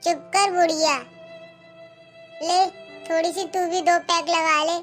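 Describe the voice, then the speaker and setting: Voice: very high-pitched, flat delivery, slow pace, a bit bright, soft background music, heavily acted. Someone doing a drunk, sneering young man. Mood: insolent. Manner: insolent, sneering. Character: drunk, rude young grandson. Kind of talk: cartoon voice acting.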